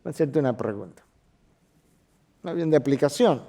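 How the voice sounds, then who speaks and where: A man, a pastor teaching a Bible class, who swings from loud, lifted declarations to hushed lines and acts out the people in the passages he reads. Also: medium pitch, animated, moderate pace. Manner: expository preaching with dramatic swings from loud to hushed; voices the Bible characters he quotes.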